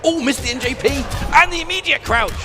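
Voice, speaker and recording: A man commentating live on a fighting game, excitable and quick to exclaim. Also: very high-pitched, gravelly. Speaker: esports commentator. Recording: loud music behind, live venue. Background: music and event venue sound.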